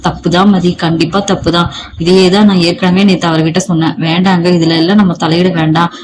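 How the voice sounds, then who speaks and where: A storyteller reading the lines of a gentle middle-aged wife who talks softly, apologizing and pleading. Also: mid-range voice, little pitch movement, fast talker, noisy background, lightly acted. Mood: apologetic.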